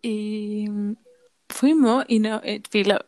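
A woman's voice: mid-range voice, takes it slowly, no echo, studio quality. A young woman with a Chilean accent, chatting casually and telling a story full of slang and laughter. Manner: lively storytelling with heavy slang, often laughing. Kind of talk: casual chat.

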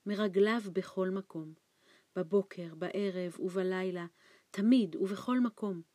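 A woman reading an audiobook, voicing a frightened, starving old man who talks in anxious, hushed pleas. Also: dry recording, lightly acted. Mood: fearful. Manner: anxious hushed pleading, raised pitch. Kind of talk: audiobook character voice.

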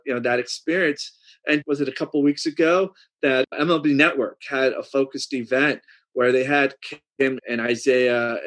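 Male panelist, mid pitch, thinks aloud with lots of uhs. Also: fairly bright tone. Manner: hesitant, searches for names with fillers.

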